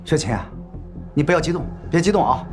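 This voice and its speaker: A woman's voice: sits low, lively intonation, over music. An actress playing a firm woman court enforcement officer who issues stern warnings. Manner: stern, warning, fast-talking.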